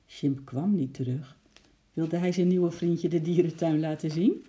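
A storyteller reading a children's story aloud, lively and adding sound effects for the animals. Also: mid-range voice, unhurried.

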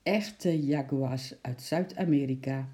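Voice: mid-range voice, takes it slowly, dark tone, close to an everyday voice. A reader doing a hearty proud zookeeper uncle.

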